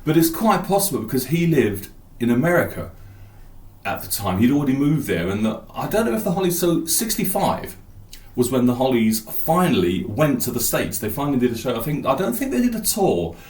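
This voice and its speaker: A man's voice: mid-range voice, big pitch swings, a little fast, darkish tone, echoey room. A man hosting a podcast, rambling enthusiastically about an album and thinking aloud. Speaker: podcast host. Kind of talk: casual album talk.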